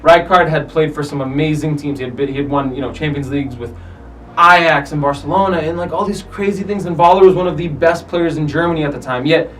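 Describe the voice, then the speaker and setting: Brief: male host, high-pitched and animated, off-mic slightly, music bed behind, casual soccer commentary. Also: fast talker, far from the mic, low-quality recording. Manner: animated, profane, acts out players' lines. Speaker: host of a soccer countdown show. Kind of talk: casual commentary over match footage.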